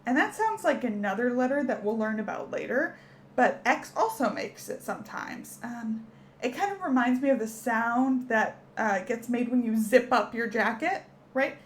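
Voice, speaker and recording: A woman's voice: fairly high pitch, animated, normal speed, slight background noise. A woman teaching a children's alphabet lesson, cheerful and encouraging as she speaks to young kids.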